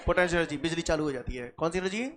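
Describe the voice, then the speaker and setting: Man, high voice, physics teacher, lively quizzing lecture, faint background noise. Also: very fast. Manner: lively, quizzes students with rhetorical questions. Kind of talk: classroom lecture.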